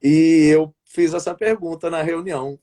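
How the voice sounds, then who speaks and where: This Brazilian man works as a wrestling commentator and play-by-play announcer, and here he chats casually in a live-streamed interview over a video call. His voice is on the high side and darkish in tone, steady and a little slow. He rambles and frequently starts his sentences over.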